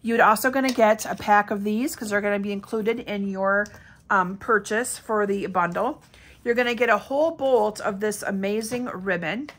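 A woman's voice: medium pitch, normal speed, a bit bright. A middle-aged woman demonstrating card making in a casual, chatty tutorial, her voice still scratchy with a lingering cough. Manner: chatty and upbeat, addressing viewers directly.

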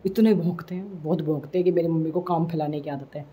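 Woman, forties, home vlogger, breathless, chatty, self-deprecating, husky. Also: low-pitched, fairly even intonation, fast talker, warm tone. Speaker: vlogger, mother. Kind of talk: casual home vlog chat. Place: home, indoors.

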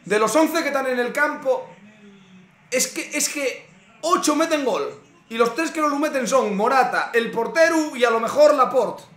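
A man's voice: extremely high pitch, a bit bright. A young man with a Spain Spanish accent, reacting live to a football match, swearing and exasperated at the screen. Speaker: streamer. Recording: echoey room.

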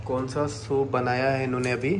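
A man's voice: mid-range voice, monotone, a little fast, very noisy. A young man chatting casually on a family vlog at home, teasing his wife and playing with his little son. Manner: chatty, teasing, playful with a toddler. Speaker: vlogger, husband and father.

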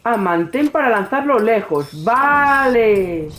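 A man's voice: very high-pitched, expressive, slow pace, fairly bright tone, a little hiss or hum. A man with a Spain Spanish accent doing let's play commentary, talking to his game character and nervously pleading. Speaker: gaming youtuber.

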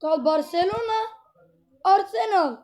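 A woman with a very high, piping voice rants through a mobile football match, excitable and quick to exasperation. Her voice sounds a little hoarse from all the shouting, and she talks straight into her tablet while she plays. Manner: exasperated, excitable, ranting at the game. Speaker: gameplay vlogger. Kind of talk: live mobile gameplay commentary.

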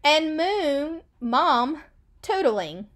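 Recorded by webcam in a small room, a high-voiced elementary teacher in her thirties gives a read-aloud picture book lesson to young children. She is very animated with a fairly bright tone, taking her time and sing-songing the key words.

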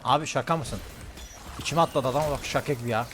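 A male streamer giving live, excitable commentary on his own gameplay, often shouting and repeating words in quick bursts. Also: mid-range voice, a little hiss or hum.

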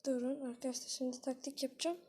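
A woman giving chatty, excitable live gameplay commentary, talking to the characters on screen and bursting out in frustration now and then. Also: high voice, quick pace, slight background noise. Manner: frustrated outbursts with swearing. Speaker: gaming channel host.

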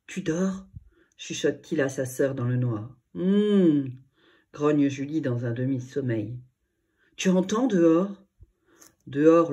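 A woman narrating a children's audiobook with expressive storytelling. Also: very deep voice, husky.

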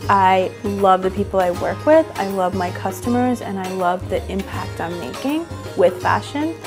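A young adult woman who designs fashion and owns a boutique sits across from an interviewer in an indoor room, earnestly telling her story in a chatty way full of "like" fillers. Her voice is medium in pitch at a moderate pace, with soft music playing underneath.

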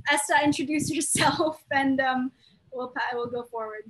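A nineteen-year-old woman, founder of a youth group, hosts its video call from a small indoor room through her laptop webcam. Her high, fairly bright voice moves at a moderate pace, chatty and upbeat with frequent laughter, though the audio is poor.

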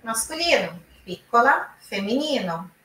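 A woman from Brazil teaching an online Italian lesson, explaining slowly and repeating each example aloud. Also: on the high side, big pitch swings, pushed and bright, reverberant, recorded from a distance, a little hiss or hum, poor audio.

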